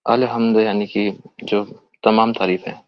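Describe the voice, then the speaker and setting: A man's voice: lowish voice, flat delivery, no room sound, dull audio. A man taking part in an online debate, answering hesitantly and often repeating his words.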